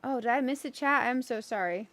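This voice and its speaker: A woman's voice: a little high, a little fast, fairly bright tone, a little hiss or hum. A woman streaming a cozy game, chatting casually with viewers and thinking aloud as she decorates, with giggly bursts. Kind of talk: casual gameplay commentary.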